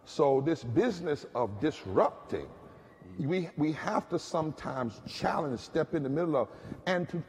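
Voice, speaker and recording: A man's voice: a little high, a little mellow. Impassioned preacher man in a reverberant hall. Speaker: activist preacher. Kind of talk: impassioned storytelling in a public conversation. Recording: long reverb of a large hall.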